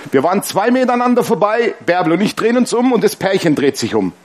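A man preaches a lively sermon. He tells stories with laughter and keeps drawing the congregation in with questions. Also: high voice, quick pace. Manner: lively storytelling with laughs and congregation call-and-response. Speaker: pastor.

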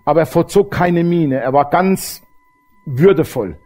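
A man's voice: fairly high pitch, measured pace, a little mellow, soft background music. A middle-aged man, preaching a testimony sermon and telling his story straight to the congregation. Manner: storytelling, addresses the audience directly.

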